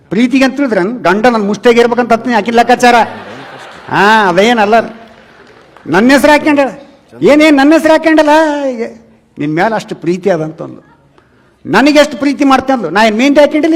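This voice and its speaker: A man with a North Karnataka Kannada accent, a stand-up comedian telling chatty funny stories to a live audience and often calling them relatives. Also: high voice. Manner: chatty storytelling, repeatedly calls the audience "relatives". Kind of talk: humorous stage talk to a live audience.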